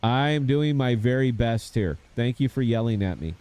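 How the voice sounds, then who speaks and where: A man's voice: mid-range voice, animated, moderate pace, a little mellow, smooth. A man, chatting casually to viewers while he plays a game. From United States. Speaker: game streamer. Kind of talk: casual gameplay commentary.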